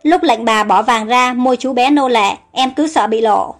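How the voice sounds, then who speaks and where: Chatty loyal handmaid for an audio storybook, voiced by a woman; cheerful, high. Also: a little slow, soft background music.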